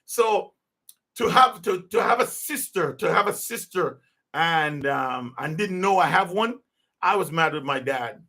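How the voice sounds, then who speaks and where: A man's voice: on the high side, expressive, unhurried, pushed and bright. A man, hosting a podcast as an unscripted personal monologue, earnest and rambling, with many restarts. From Jamaica. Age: 50s. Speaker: podcast host.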